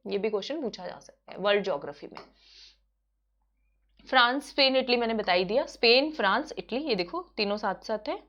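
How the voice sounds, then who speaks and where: A woman teaching an online exam-prep quiz lesson, talking briskly and repeating key answers with frequent check-ins to her students. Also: fairly high pitch, lively intonation, a bit bright, highs cut off. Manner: brisk and repetitive, often checking in with "theek hai".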